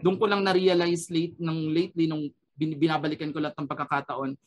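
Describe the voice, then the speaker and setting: A man's voice: a little high, flat delivery, a little fast. A man sharing an earnest personal testimony as a radio program guest, switching between Tagalog and English and often adding a questioning "no?".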